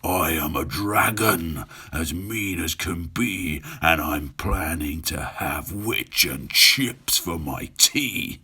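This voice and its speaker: Storybook dragon, played by a man: mean, menacing, low and husky, unhurried delivery. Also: sharp tone, exaggerated voice. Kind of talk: storybook character voice.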